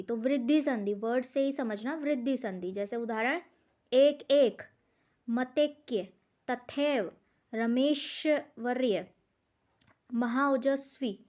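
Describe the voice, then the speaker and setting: Slow-paced high-voiced woman teacher. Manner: explains step by step, asks questions and answers them herself; says words and examples slowly and deliberately. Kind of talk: exam-prep grammar lesson.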